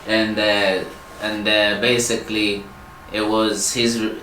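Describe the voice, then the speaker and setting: A man's voice: flat delivery, slow, pushed and bright. A man co-hosting a podcast, casually retelling comedy skits and slipping into voices from them. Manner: retells comedy skits, acting out lines in a high voice. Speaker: podcast co-host. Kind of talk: casual chat. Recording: echoey room with faint hiss.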